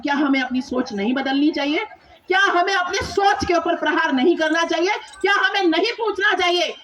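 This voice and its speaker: High-voiced woman, protest speaker, fiery, asks the crowd questions. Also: a bit bright. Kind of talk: rally speech. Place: outdoor protest rally.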